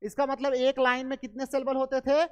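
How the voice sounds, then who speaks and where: An Indian woman teaching literature for exams, mixing Hindi with English terms and drilling facts through repetition and quick quiz questions. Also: high-pitched, completely flat delivery, clean tone. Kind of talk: online exam-prep lecture.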